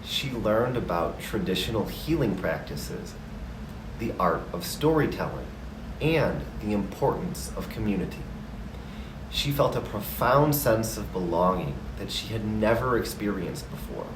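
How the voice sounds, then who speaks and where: Slow, low-voiced man, calm gentle storyteller. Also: echoey room, recorded from a distance, noisy background. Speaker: storyteller, narrator. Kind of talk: slow scripted storytelling narration.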